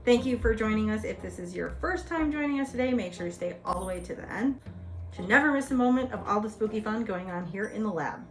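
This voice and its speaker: A woman's voice: mid-range voice, expressive, quick pace. A woman hosting a spooky craft tutorial in a playful, conversational horror-host manner. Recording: music playing behind the voice. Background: music.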